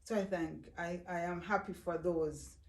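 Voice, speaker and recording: A woman guest slowly and reflectively telling her life story in an interview, often speaking of her faith. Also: lowish voice, steady tone, distant mic. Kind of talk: personal testimony interview. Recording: roomy echo, voice off-mic.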